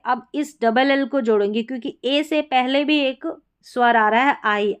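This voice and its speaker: Clear-voiced Indian woman teaching pronunciation. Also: fairly high pitch, muffled recording. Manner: slow, deliberate, spells words letter by letter. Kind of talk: explaining spelling patterns.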